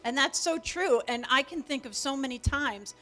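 Animated middle-aged woman telling a story. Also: normal speed, soft background music. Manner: animated, acts out quotes with big pitch jumps. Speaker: co-speaker, mother of the other speaker. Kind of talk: storytelling talk.

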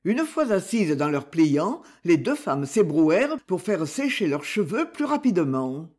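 Lady reading a novel aloud, lots of melody in her voice, measured. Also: on the low side, very animated, darkish tone. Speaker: audiobook narrator. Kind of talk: scripted narration.

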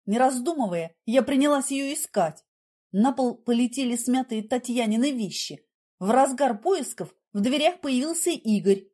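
A woman with a high voice reads a first-person audiobook at a steady pace. Her delivery is even and clear, suited to long narration. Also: moderate pace.

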